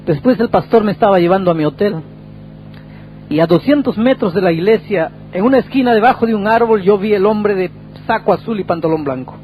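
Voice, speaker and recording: A man's voice: high-pitched, brisk, darkish tone, soft background music, rough recording. Man preaching a dramatic sermon story. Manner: dramatic storytelling with acted dialogue. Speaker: pastor.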